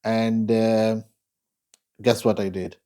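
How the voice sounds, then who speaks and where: A man from Pakistan, a guest recounting his life in a casual interview, measured and reflective with frequent pauses. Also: lowish voice, flat delivery, mellow. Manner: measured and reflective, pausing often.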